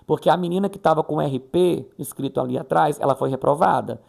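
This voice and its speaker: Chatty brazilian guy vlogging, raspy gravelly voice, acts out what people said. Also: on the high side, fast talker, a little mellow. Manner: chatty, retelling dialogue with quoted voices. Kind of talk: casual storytelling vlog.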